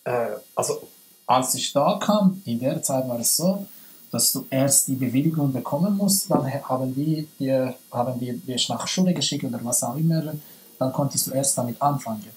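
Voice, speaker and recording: A young man from Iran talks in a relaxed interview, his speech marked by a Persian accent. He is hesitant, often stops and restarts words, at an ordinary pitch. He sits at a table in a small room, heard through a camera a few meters away. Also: moderate pace, low-quality recording. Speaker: guest. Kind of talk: casual interview.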